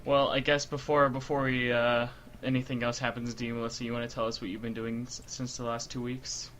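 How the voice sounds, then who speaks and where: A man's voice: medium pitch, level tone, a little fast, a bit bright. Young male podcast host, playful and teasing, mid-range voice, faint hiss behind. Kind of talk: casual chat.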